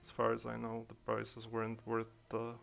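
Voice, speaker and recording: A man's voice: medium pitch, completely flat delivery, moderate pace, creaky, a bit bright. A young man from the Czech Republic with a Czech accent, chatting hesitantly on a livestream and thinking aloud with many fillers. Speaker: streamer. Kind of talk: casual livestream chat. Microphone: desk microphone being adjusted in streaming software.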